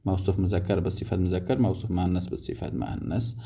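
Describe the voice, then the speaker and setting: Deep-voiced man teaching Arabic grammar. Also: dark tone. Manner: explains step by step with many examples and hesitant restarts. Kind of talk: recorded grammar lesson summary. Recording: dull lo-fi audio with clear noise.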